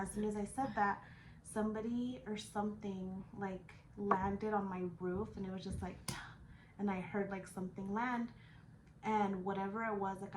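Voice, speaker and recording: In a mid-range, slightly mellow voice, a slangy woman in her 20s shares a personal story in casual vlog-style chat. She swears casually and slips between English and Spanish. Echo and background noise are present in the room.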